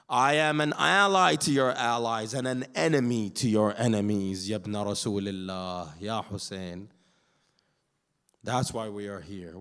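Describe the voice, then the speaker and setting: Speaking in a mid-range voice, an Iraqi-born man raised in Canada preaches at a Muharram gathering. He reads out Arabic verses and translates them, his delivery climbing from quiet contemplation to emphatic, loud declaration.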